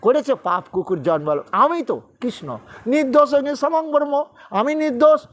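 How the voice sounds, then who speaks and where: A man chanting Sanskrit verses slowly and then explaining them as a scripture teacher. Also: extremely high pitch, very animated, muffled recording. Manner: slow drawn-out Sanskrit recitation, then brisk explaining. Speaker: Gita teacher.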